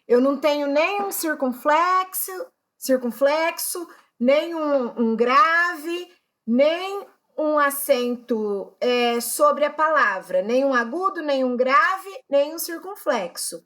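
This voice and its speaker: A woman teacher takes her students through a grammar lesson with a high voice. She talks slowly and patiently, pausing to check that everyone is following. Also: expressive, fairly bright tone. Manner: patient, explains step by step, checks in with "tá?"; addresses students as brothers and sisters. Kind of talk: recorded Portuguese grammar lesson.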